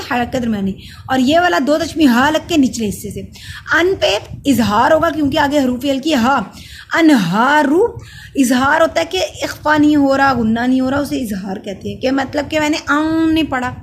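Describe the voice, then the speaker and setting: A woman teaching Quran recitation rules step by step. She chants the verse words slowly and loudly, then explains each rule in a plainer, lower voice, and sometimes stops to correct herself. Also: slight background noise. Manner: self-correcting, says sorry. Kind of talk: step-by-step tajweed lesson.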